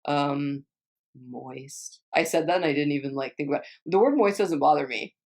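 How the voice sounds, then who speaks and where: A woman's voice: sits low, quick pace, a little mellow. A young woman from Texas chatting casually as a vlogger, rambling and swearing a lot, trailing off and restarting often. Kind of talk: casual chat answering viewer questions.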